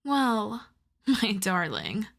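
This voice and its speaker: Heavily acted, with huge pitch swings around a medium center and touches of vocal fry, a woman plays a seductive vampire countess in an intimate ASMR roleplay, speaking very slowly. She is commanding and amused, teasing and possessive as she shifts between soft voice and half-whisper, her endearment-wrapped commands edged with playful menace.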